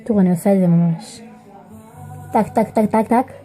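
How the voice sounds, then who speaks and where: A girl in her early teens chatting casually to the camera in a home video, often searching for words and getting excited. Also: medium pitch, soft background music. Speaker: vlogger. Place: home bedroom.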